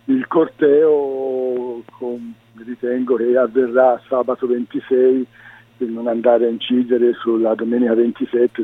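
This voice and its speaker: A man calls in as a guest and gives measured, deliberate answers with the odd pause. His voice is slightly husky. It comes through a narrow, tinny phone line. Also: mid-range voice. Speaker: contrada prior, phone-in guest. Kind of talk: radio phone interview.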